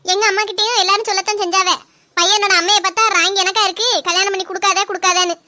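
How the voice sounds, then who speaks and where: A woman's voice: very high-pitched, level tone, rapid-fire, bright, forceful tone. A woman doing an indignant young cartoon daughter-in-law. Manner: indignant, complaining, talks back.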